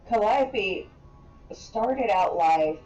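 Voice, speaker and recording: A woman's voice: medium pitch, lively intonation, very slow, a little mellow, reverberant, lo-fi sound, faint music behind. A woman casually commenting on her game play with chatty, wry asides. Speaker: gaming channel host.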